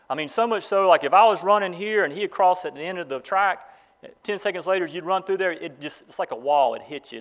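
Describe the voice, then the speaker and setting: A man speaks at a graduation. He tells folksy stories, rushing ahead and then slowing down, and reads aloud from scripture. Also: on the high side. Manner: folksy storytelling, speeding up and slowing down. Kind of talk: graduation address with Bible reading.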